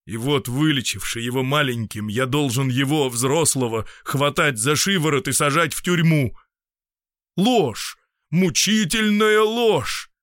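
A man playing a gruff, anguished middle-aged male doctor who talks in despairing, emphatic bursts. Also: mid-range voice, moderate pace, few pauses, fairly bright tone, no room sound, studio quality, lightly acted. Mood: agitated.

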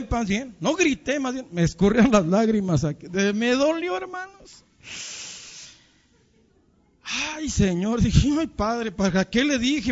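Animated pastor preaching. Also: male voice, high-pitched. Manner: animated storytelling, addresses congregation as brothers. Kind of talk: sermon. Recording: dull lo-fi recording.

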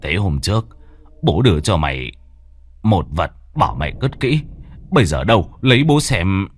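A man voicing a frightened older father who stammers and shouts back at a demon. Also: sits low, sing-song, moderate pace, husky, full character voice. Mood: fearful. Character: frightened older father clutching a Buddha statue.

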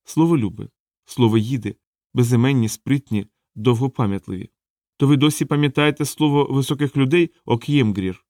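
A man voicing a graceful, gentle elfin man who speaks softly and solemnly. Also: mid-range voice, moderate pace, dry recording, studio quality, lightly acted. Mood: tender. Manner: soft, lilting.

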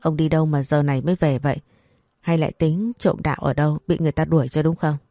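A narrator voicing a sharp-tongued, nagging peasant wife, speaking quickly and a touch lower. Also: no room sound, studio quality, faint music behind, lightly acted. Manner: scolding, quick.

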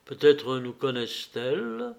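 A man's voice: mid-range voice, very animated, a little slow, gravelly, a little mellow. A man reading the part of a troubled young officer, speaking earnestly and imploringly to the woman he loves.

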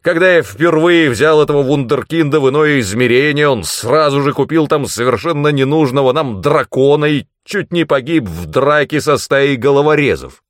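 A man voicing a grumpy, blustering male demon mentor in an audiobook, given to loud indignant outbursts. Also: fairly low pitch, lively intonation, normal speed, no room sound, clean studio sound, close to an everyday voice. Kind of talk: audiobook character reading.

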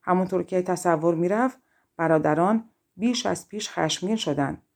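A woman narrating a fairy-tale audiobook in a calm, even storytelling manner. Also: fairly low pitch, gravelly.

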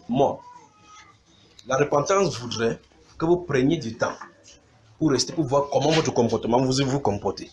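Preacher, male, fairly high-pitched, animated sermon delivery with sound imitations, faint noise. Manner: animated, mimics sounds and gestures, calls out to the congregation.

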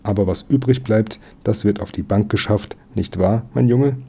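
A man reading aloud, voicing a gruff but kindly old grandmother who grumbles dryly in a storybook. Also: on the low side, normal speed, mellow. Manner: grumbling and dry.

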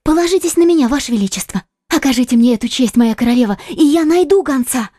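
A man doing a fervent young maid in high falsetto. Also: animated, mellow, no echo, clean studio sound. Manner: fervent, rapid, earnest falsetto. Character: devoted eager young maid, a woman. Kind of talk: audiobook character voice.

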